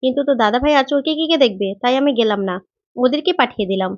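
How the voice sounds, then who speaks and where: A woman's voice: on the high side, lively intonation, rapid-fire. A woman voicing a middle-aged mother who gives firm, dismissive replies. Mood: explaining. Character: middle-aged mother, patient but irritated. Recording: dull, lo-fi recording.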